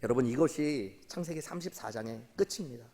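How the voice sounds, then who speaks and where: A man's voice: mid-range voice, expressive, a little fast, a little mellow. A male pastor preaching a sermon in a church sanctuary, telling a story and speaking directly to the congregation. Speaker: senior pastor. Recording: long hall reverb.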